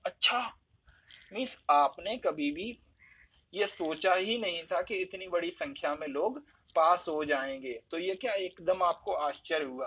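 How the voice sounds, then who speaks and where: Husky-voiced man teaching a lesson. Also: on the high side, fairly bright tone. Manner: explains step by step, acts out examples with shifting stress. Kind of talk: spoken Hindi lesson.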